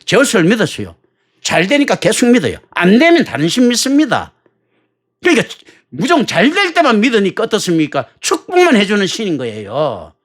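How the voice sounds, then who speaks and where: A man's voice: high voice, huge pitch swings, fairly quick. A male pastor preaching a sermon in a colloquial, joking way, full of rhetorical questions.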